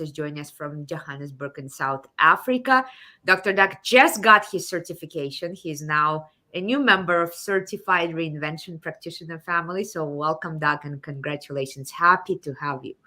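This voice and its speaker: A woman's voice: on the low side, pushed and bright. A woman from Kazakhstan hosting a live online show, enthusiastic and fond of repeating her welcomes. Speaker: show host.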